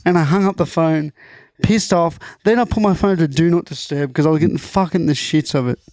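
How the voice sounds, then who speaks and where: A young Australian man co-hosting a podcast, telling stories in animated, swear-heavy casual chat. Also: a little high, fairly quick, dry recording, studio quality. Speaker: podcast co-host.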